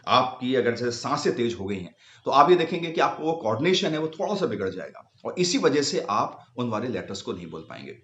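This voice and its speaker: Guy teaching speech in hindi, voice goes up and down a lot, sounds out letters slow, kinda echoey dull room sound. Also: mid-range voice, sing-song, a bit bright. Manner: patient, demonstrates sounds slowly one by one. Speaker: speech coach. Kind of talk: explaining speech exercises to viewers.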